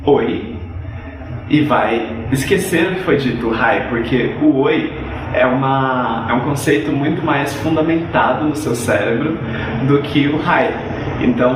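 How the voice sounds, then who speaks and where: A man's voice: medium pitch, slight background noise. A man giving a language lesson in a plain mid-range voice and a direct, insistent manner. He sits back from the mic, and the room around him rings with strong echo. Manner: direct, repeats examples to drive points home. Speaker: English teacher. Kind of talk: explanatory video lesson. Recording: echoey room, voice from a distance.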